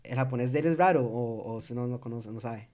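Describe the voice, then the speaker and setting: A man's voice: mid-range voice, a little fast, a little mellow. A young man with a Costa Rican accent chatting casually with friends, slangy and loose, dropping English swear words into his talk. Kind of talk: casual group chat.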